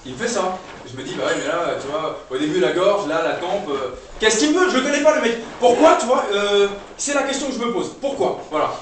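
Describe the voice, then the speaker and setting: A young man with a high voice improvises stand-up on a live stage, rambling casually with fillers and restarts. He sounds far from the mic, and the room rings with heavy echo and a steady layer of noise. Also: brisk, few pauses. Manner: loose, chatty, frequent fillers and restarts. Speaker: stand-up comedian. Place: live comedy stage before an audience.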